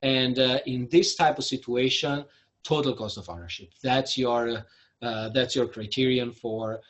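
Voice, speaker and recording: A man with an Italian accent presents business advice on a video call. His pitch sits in a middle range for a man. He speaks earnestly and pauses often as he searches for words. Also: steady tone. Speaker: webinar presenter.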